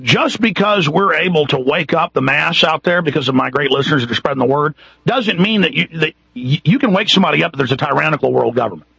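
Fast and animated, a man with a Texas accent rants through a talk radio monologue in a slightly high, creaky, bright voice that's husky and forceful. He keeps repeating his points, growing more intense and emphatic. The recording is dry and the radio broadcast muffled.

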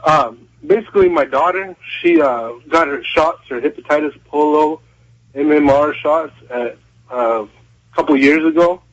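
A man calling in to a talk radio show over a tinny cell phone line, speaking in a halting, hesitant way with many fillers. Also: fairly high pitch. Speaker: caller.

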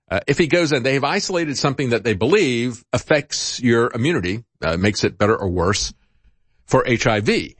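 In a husky, mid-range voice with no room sound, a middle-aged man hosts a talk show, riffing on the news in a rambling, conversational way and laughing softly at his own asides.

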